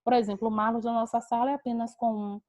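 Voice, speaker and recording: A woman with a Brazilian Portuguese accent teaches a class over a video call. Her voice sits a little high, and she explains patiently, repeating key words and posing rhetorical questions before she answers them. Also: little pitch movement, fast talker, a little mellow. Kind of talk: online class lecture.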